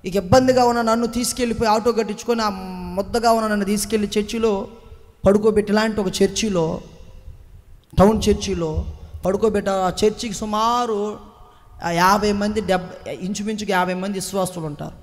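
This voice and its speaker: A man with a very high voice preaches a testimony in a long, echoing church hall. He slips from quiet, hushed recollection into loud, ringing exclamations. He keeps urging the congregation to clap and answer amen. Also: fairly even intonation, a little fast, pauses often. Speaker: preacher giving a personal testimony.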